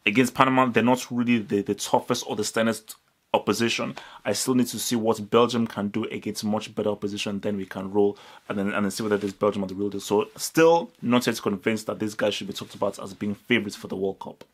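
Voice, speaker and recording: Young male host, lowish voice, lively, repeats words for emphasis, close to camera in a small room. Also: fast. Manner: animated, repeats words, stresses points. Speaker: football channel host. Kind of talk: direct-to-camera football analysis. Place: indoors, small room with curtains.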